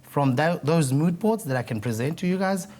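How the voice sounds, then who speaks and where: A man's voice: fairly high pitch, animated, normal speed, darkish tone. A man, a talent show contestant, explaining himself to the judges.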